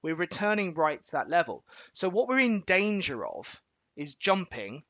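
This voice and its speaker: A man hosting a live trading webinar, talking quickly and chattily as he walks viewers through charts step by step, stopping to check they are following and reaching for homely analogies. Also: a little high, big pitch swings, fairly bright tone, no echo, highs cut off. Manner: folksy analogies and filler-laden restarts. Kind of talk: live educational chart walkthrough.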